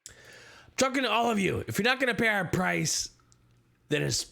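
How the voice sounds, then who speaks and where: A man's voice: high-pitched, big pitch swings, moderate pace, vocal fry, sharp tone, pitched above the performer's own voice, full character voice. A man voicing a large orc who makes threats and haggles in a tabletop game. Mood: threatening. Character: large menacing male orc demanding a ransom.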